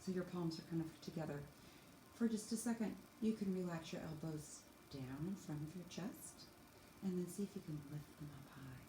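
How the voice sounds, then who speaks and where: The clip captures a woman teacher with a low voice and moderate pace demonstrating yoga stretches for children. She keeps her step-by-step cues simple and encouraging, in an echoey room with faint background noise.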